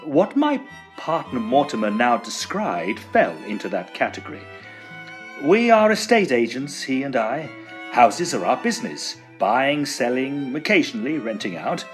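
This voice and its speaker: A man plays a fussy, genial Edwardian estate agent in a tongue-in-cheek period audio drama, mixing first-person storytelling with dialogue. He speaks unhurriedly in wordy, formal, old-fashioned phrases, his medium-pitched voice swinging widely in pitch over soft background music, in a measured storytelling mood.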